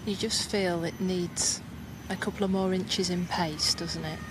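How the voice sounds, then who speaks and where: Flat-toned, lower-voiced female golf analyst. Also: unhurried. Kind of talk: live golf commentary and analysis. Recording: outdoor broadcast with clear background noise.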